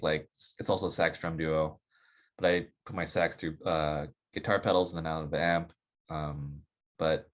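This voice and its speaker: A man with a very low, deep voice speaks as a podcast guest. His talk is relaxed and rambling, padded with fillers as he thinks aloud about playing saxophone. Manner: relaxed, rambling, filler-heavy with many "like" and "you know". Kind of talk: casual podcast interview.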